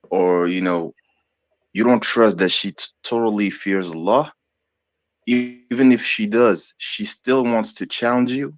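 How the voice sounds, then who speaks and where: A very low-voiced man in his thirties, raised in France and not a native English speaker, talks in an unhurried, halting way, pausing for words and filling gaps with ums. He sounds a little sick. The sound is close and dry, slightly dull and lo-fi. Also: no room sound. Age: 30s. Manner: searching for words, hesitant with fillers. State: sick, coughing. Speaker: podcast guest. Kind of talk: casual chat.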